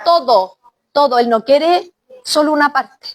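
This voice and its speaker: A woman's voice: high-pitched, a little slow. A woman pastor preaching a sermon, often exclaiming and speaking straight to the congregation as brother and sister. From Chile.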